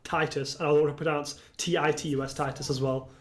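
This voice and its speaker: A young British man casting an esports match alone, chatting with his stream's chat and getting loud and fast during the fights. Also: fairly high pitch. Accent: British English. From Britain. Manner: chatty, reads chat aloud, bursts into excited shouting at plays. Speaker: esports caster. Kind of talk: solo game commentary on a stream.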